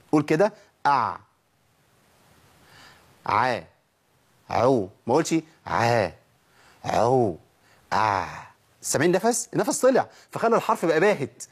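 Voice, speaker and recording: A man with an Egyptian Arabic accent teaching Quran recitation, explaining letter sounds step by step and demonstrating them slowly. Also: a little high, breathy edge. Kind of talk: tajweed lesson.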